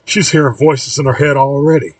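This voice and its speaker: Man reading an excitable slangy young dude, husky. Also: medium pitch, a little fast, dry recording, lightly acted. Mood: goofy. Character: goofy young male stoner cousin. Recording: voice a bit far from mic.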